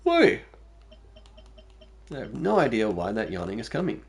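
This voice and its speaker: A low-voiced man with a gravelly edge chats casually while streaming a game. He muses aloud, weighing one choice against another as he plays. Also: wildly swooping pitch, moderate pace. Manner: musing aloud, thinking through choices. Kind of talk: casual gameplay commentary.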